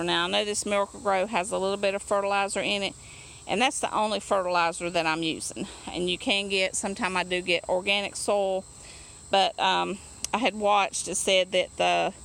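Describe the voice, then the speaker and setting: A woman's voice: mid-range voice, creaky, a bit bright, poor audio. A woman talking casually while working in her backyard garden, chatty and rambling with lots of fillers and restarts, out of breath from hours of yard work. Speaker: home gardener. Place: backyard garden bed, outdoors. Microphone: phone or camera held while working. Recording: faint outdoor noise.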